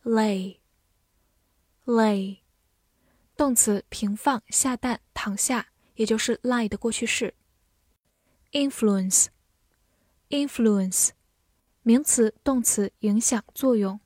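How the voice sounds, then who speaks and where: A woman teacher drills vocabulary very slowly and deliberately, saying each word twice. Her voice is mellow and warm. The recording is dry and close. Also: on the high side, dry recording. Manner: says each word twice, slow and clear. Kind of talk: vocabulary review lesson.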